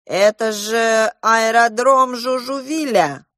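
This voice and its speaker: A woman's voice: fairly high pitch, takes it slowly, fairly bright tone, dry recording, clean studio sound, voice pushed up. A woman voicing a bossy, theatrical male goose pilot in a storybook reading, declaiming and commanding. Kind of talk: audiobook character voice.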